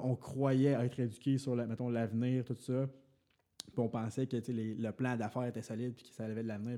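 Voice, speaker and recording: Young Quebec French male podcast co-host, warm low timbre, rambling casual explainer full of fillers. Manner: explains at length with many fillers and restarts. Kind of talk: casual finance podcast talk.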